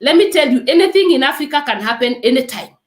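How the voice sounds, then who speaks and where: Her voice high and lively, a Kenyan nurse jumps up and down in pitch as she urges her listener on during an interview. She testifies with earnest conviction, quickly, often driving home her point with "let me tell you." There's some room echo.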